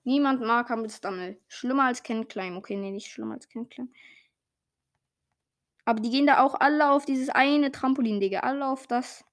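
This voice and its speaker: A young, slangy gamer giving excited casual commentary while playing, full of exclamations and swearing. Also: medium pitch, normal speed. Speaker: gaming streamer playing a party game.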